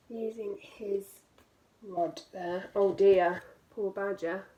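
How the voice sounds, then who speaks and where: With a voice on the high side and a little mellow, a woman acting as teacher reads a picture book to young children. She stretches key words for effect and speaks little asides to them.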